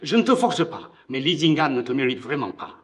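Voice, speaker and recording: An actor dubbing a wealthy businessman father who coaxes his daughter, with a calm, fatherly manner. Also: mid-range voice, a little fast. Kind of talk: dubbed drama acting.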